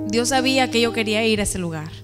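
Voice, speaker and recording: A woman's voice: on the high side, animated, fast, long reverb tail, music in the background. A woman giving an earnest, emotional testimony to a church congregation, often asking the listeners questions. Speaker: testimony speaker.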